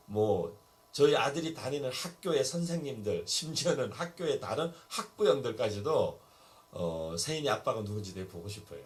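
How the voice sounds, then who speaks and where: A middle-aged male pastor preaching a sermon, telling stories and acting out Bible dialogue. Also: mid-range voice. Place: church basement hall.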